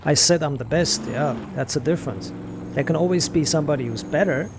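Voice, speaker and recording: A man's voice: on the high side, fairly quick, noisy background. A man streaming a game, ranting casually and defensively, repeating rhetorical questions and swearing. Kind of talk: casual ranting while playing.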